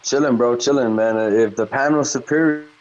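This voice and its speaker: A man's voice: medium pitch, a little fast, a little mellow. Laid-back man on a breaking-up call. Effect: call connection breaking up. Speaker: show panelist calling in. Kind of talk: casual chat. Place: at work. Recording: dull lo-fi call audio with faint music.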